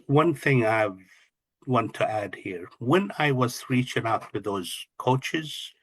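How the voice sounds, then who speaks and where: Husky low-voiced man from Kuwait. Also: fairly bright tone, no room sound. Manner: earnest, reflective, lists ideas with repeated restarts. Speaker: guest, real estate investor and coach. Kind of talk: conversational interview answers.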